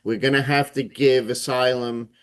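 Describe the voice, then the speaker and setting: A man's voice: mid-range voice, flat delivery, normal speed, fairly bright tone, smooth. A man hosting a casual panel discussion, opinionated and prone to restarting his sentences. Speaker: host.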